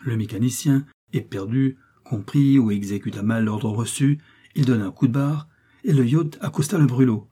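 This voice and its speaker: A man narrating a classic novel as an audiobook, reading in a measured, steady storytelling manner. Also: medium pitch, breathy edge.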